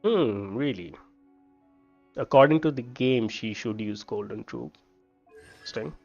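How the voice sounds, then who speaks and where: A game streamer muses aloud while playing, giving casual commentary with game music in the background. His voice is medium-pitched, a little slow, creaky and somewhat mellow, captured by a dull lo-fi microphone.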